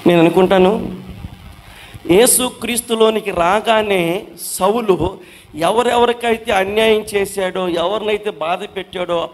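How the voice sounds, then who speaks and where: A man's voice: high voice, long reverb tail. A man leading a Bible study, who addresses his listeners as children and repeats his questions before answering them himself.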